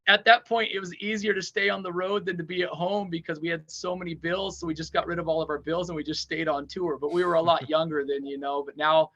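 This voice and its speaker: An upbeat man in his forties talks as a podcast guest, rambling cheerfully in long runs. His voice has a gravelly edge and sits a touch high. The audio is dull and lo-fi. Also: flat delivery, fast, hardly any pauses, fairly bright tone. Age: 40s. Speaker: touring metal band frontman, podcast guest. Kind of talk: casual interview chat.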